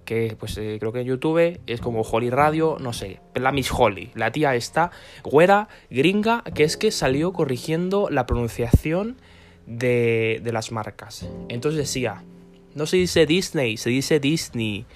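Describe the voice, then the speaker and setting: A man's voice: medium pitch, lively intonation, a little slow, faint music behind. A man giving a sarcastic comic rant to camera, swearing constantly and rambling off on tangents. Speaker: vlogger.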